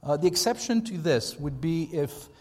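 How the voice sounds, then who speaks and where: A man's voice: a little high, animated, moderate pace. An American man, a pastor giving an informal training talk, conversational and given to repeating points for emphasis. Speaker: pastor, seminar speaker. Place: large hall, speaking to a group. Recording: echoey hall with long reverb.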